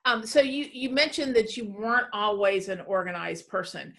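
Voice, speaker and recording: A woman's voice: medium pitch, expressive, moderate pace, fairly bright tone. A woman hosting an interview podcast, upbeat and enthusiastic, often restarting her questions. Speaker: podcast host. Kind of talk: casual interview chat.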